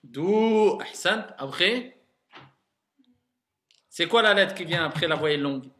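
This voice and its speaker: A man's voice: a little high, expressive, a little slow, bright, forceful tone. A man teaching Arabic reading to a class as an imam, coaxing his students and repeating sounds for them to echo. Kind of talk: classroom lesson.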